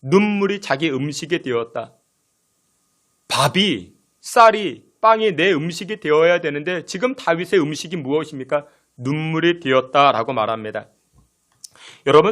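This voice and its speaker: Korean pastor preaching, rising and falling emphasis. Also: male voice, expressive, moderate pace. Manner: rhetorical questions to the congregation; shifts between loud emphasis and soft low phrases. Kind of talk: sermon. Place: church sanctuary.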